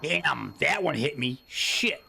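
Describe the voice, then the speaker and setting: A man's voice: fairly high pitch, lively intonation, slow pace, vocal fry, background noise. A young man casually commenting on his own live gameplay, muttering asides as he plays. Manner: laid-back, muttering asides. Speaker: streamer.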